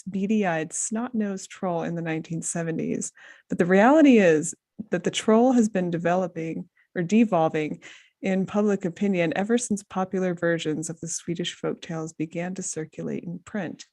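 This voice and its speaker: A woman's voice: on the low side, normal speed, warm tone. A woman co-hosting a casual group podcast, reading a passage aloud with joking asides. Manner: laughs often, reads with asides. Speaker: podcast co-host.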